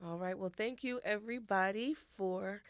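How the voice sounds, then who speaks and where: A woman co-hosting a podcast, telling stories in an animated way and repeating her phrases in casual chat. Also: medium pitch, moderate pace, no room sound, studio quality. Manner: animated storytelling, repeats phrases, spiritual talk. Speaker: podcast co-host.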